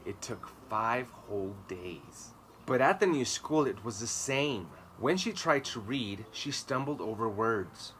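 A man in his thirties sits on an outdoor garden patio reading a children's story aloud, giving it emphatic, dramatic phrasing. His medium-pitched voice is expressive and a bit bright, with a measured pace. Soft music plays in the background, and ambient noise is clearly audible behind him.

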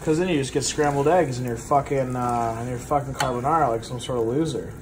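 A man's voice: mid-range voice, brisk. A young man who sounds drunk, chatting loosely and profanely as he cooks at home. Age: young adult. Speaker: amateur home cook. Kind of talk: casual profane cooking chat. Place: home kitchen, indoors. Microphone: handheld phone. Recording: noisy handheld phone, kitchen clatter. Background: pans and cutlery clattering.

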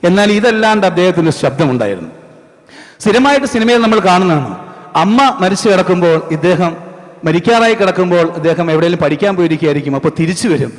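A man's voice: high voice, lively intonation, quick pace. Brief: male mimicry artist, conversational stage patter, reverberant hall. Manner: conversational, explaining to the audience.

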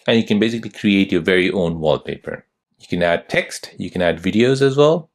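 A young man narrating a step-by-step phone tutorial as host, giving steady instructions. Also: sits low, a little fast.

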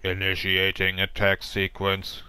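A man voicing a robotic guard machine, in a flat, mechanical, measured delivery while reading game dialogue aloud. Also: low-pitched, smooth, voice pushed down, exaggerated voice. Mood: menacing.

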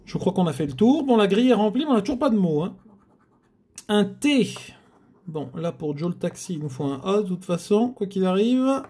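A man's voice: sits high, lively intonation, normal speed, mellow, breathy edge. A man hosting a scratch-card video, chatting casually to viewers as he scratches tickets and groaning at bad luck.

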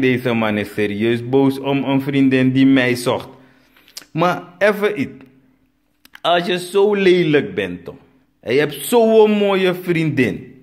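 A man from Suriname with a Surinamese Dutch accent, telling a comic story and acting out the dialogue, with sudden high bursts. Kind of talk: storytelling comedy.

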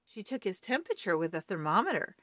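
A woman reading a children's storybook aloud with warm, expressive storytelling. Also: medium pitch, fast talker, dry recording, clean studio sound. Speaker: storybook reader.

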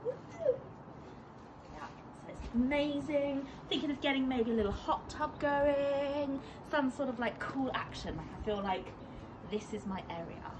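A woman's voice: high voice, measured pace. A woman in her thirties giving a playful, chatty vlog tour of her empty new house, filmed on a phone. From England. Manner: chatty, playful, lively tour-guide banter. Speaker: vlogger. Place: empty house with bare rooms and wood floors. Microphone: phone held at arm's length and on a tripod. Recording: echoey empty rooms, noticeable noise.

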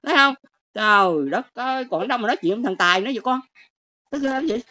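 A woman's voice: fairly high pitch, animated, quick pace, pushed and bright, no echo. An older woman with a Southern Vietnamese accent, ranting and lecturing her viewers on a livestream in a scolding, exclamatory way. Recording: dull lo-fi stream audio.

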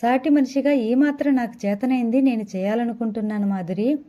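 A woman's voice: on the high side, fairly quick, warm tone, lightly acted. A woman reading the part of a kindly woman doctor who explains things patiently and reassuringly.

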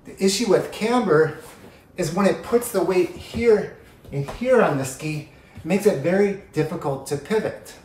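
A man in his thirties walks through how skis work, speaking a little above the usual pitch for a man. He explains step by step while demonstrating, heard from a camera set well back. His voice carries the bounce of a roomy living room. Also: animated, measured pace, a little mellow, recorded from a distance, a little hiss or hum. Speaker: ski instructor. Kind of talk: home demonstration tutorial. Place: living room by a brick fireplace. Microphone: far camera.

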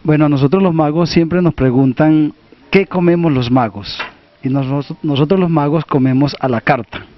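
A man's voice: fairly high pitch, moderate pace, dull audio, a little hiss or hum. A man from Venezuela, a children's magician, cheerfully introducing himself and joking into an interview mic indoors. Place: indoor function room. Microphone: handheld interview mic.

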